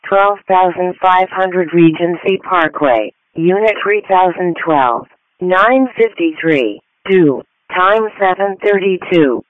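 High-pitched male dispatcher on narrowband radio. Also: no room sound. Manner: clipped, itemized reading. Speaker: emergency dispatcher. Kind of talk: repeated dispatch announcement. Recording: thin, phone-like radio broadcast.

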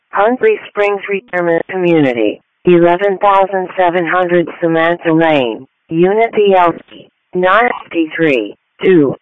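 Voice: medium pitch, no room sound. An emergency dispatcher reading out call details and addresses as a formal ambulance radio announcement. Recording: dry, narrow phone-like radio channel.

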